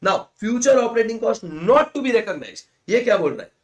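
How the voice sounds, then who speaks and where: A man teaching accounting in Hindi mixed with English. He reads definitions slowly, then explains them quickly, calls his students "guys" and repeats key points. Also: extremely high pitch, sing-song. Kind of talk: lecture explaining slides.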